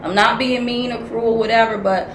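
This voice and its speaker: An older woman with a fairly high voice delivers a spiritual message reading like a stern big sister, swinging from soft coaxing to loud, cursing tough love. Her voice sits in an echoey room with a clear noise bed underneath. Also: steady tone, normal speed. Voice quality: blunt, profane, tough-love preaching. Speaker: spiritual counselor.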